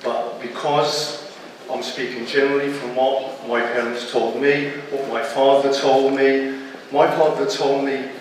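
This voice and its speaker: A man's voice: mid-range voice, little pitch movement, unhurried, slight background noise. Emphatic man heard far off in a hall. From Britain. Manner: emphatic, apologetic asides, frequent tag "yeah". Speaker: panel speaker. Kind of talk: public panel discussion. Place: large exhibition hall, indoors. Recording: distant mic in an echoey hall.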